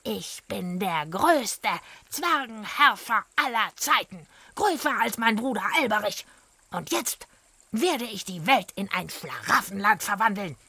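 A woman voicing a greedy, boastful male dwarf who croaks and brags, in a children's audio story. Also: medium pitch, lively intonation, a little slow, pushed and bright, no room sound, exaggerated voice. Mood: scheming. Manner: croaking, bragging.

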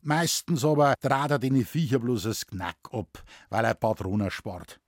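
A man voicing a gruff, deadpan old forest warden with a Bavarian accent, telling tall tales in dialect. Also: mid-range voice, unhurried, dry recording, studio quality.

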